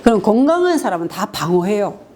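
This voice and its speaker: A middle-aged woman lectures in a hall, her voice mellow and warm. She acts out spats between spouses in exaggerated mock voices and punctuates her points with brief affirmations. A faint hiss of noise sits under the recording. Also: mid-range voice, big pitch swings, a little fast. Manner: acts out quarrels in mock voices, frequent "예" fillers. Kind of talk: lively lecture on couples' communication.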